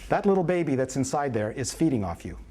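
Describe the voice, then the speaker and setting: A man's voice: mid-range voice, big pitch swings, fast talker, mellow. A man teaching a prenatal class as an obstetrician, in a playful, folksy storytelling manner with questions to the room. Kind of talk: live classroom lecture.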